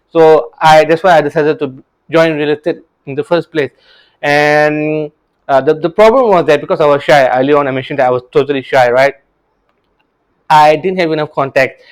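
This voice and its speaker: A real estate coach from Singapore talks to camera, his mid-range voice smooth though the audio is poor. His motivational talk is casual and earnest as he recounts his story, restarting words and often saying "right?".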